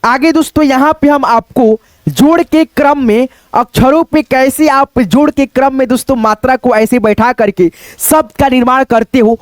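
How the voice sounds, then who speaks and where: A man's voice: very high-pitched, normal speed, no room sound. A man teaching an online Hindi writing lesson, patiently explaining step by step and drawing out the vowel sounds.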